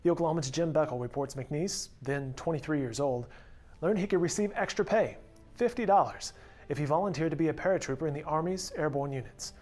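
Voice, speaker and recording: A man's voice: fairly high pitch, brisk, darkish tone. A man reading scripted news narration as a reporter, in a feature story. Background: music.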